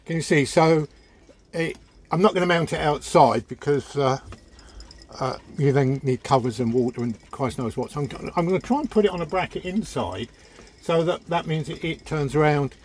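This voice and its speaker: An older man chats to his phone camera from a cramped boat cabin, his voice sitting a little high for a man. He rambles and trips over his words, repeating himself as he shows things off. There is a faint hiss behind him. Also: animated, normal speed, darkish tone. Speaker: sailing vlogger. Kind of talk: casual chat to camera. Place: small cluttered boat cabin. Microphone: phone camera at arm's length.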